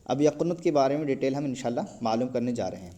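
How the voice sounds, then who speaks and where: A man's voice: mid-range voice, dark tone. A patient man teaching a recitation lesson one-on-one, often checking that his student understands and praising answers.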